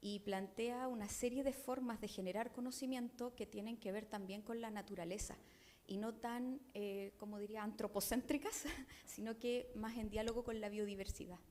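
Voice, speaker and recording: A woman's voice: a little high, steady tone, moderate pace, a little mellow, slight background noise. A woman from Chile with a Chilean accent, speaking as a discussant on an academic panel, thoughtful and digressive, often adding tag questions.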